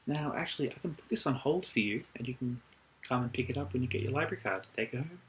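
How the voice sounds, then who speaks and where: A man doing an ASMR role-play as a librarian, chatting gently and recommending things in an unhurried way. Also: mid-range voice, a little hiss or hum. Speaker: ASMR performer playing a librarian.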